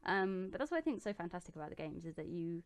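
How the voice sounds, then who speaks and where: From her bedroom, a young woman who speaks English as her first language answers viewer questions one by one in a relaxed, casual chat. Her slightly low, smooth, clear voice is filled with ums and small restarts as she corrects herself.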